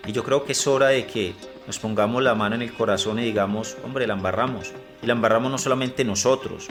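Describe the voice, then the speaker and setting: A man speaks as a former soldier, his testimony earnest and urging. Soft music plays quietly underneath his voice. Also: mid-range voice. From Colombia. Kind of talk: personal testimony.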